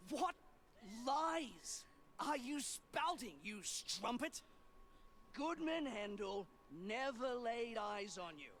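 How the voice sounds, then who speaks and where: An actress playing a scornful, sharp-tongued woman of a household, scolding with contempt in a video game. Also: on the high side, animated, slow pace, slight background noise.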